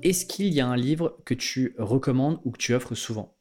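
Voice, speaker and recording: A man's voice: medium pitch, moderate pace. A man hosting a podcast interview, talking casually and rambling, with many fillers and restarts. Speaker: podcast host.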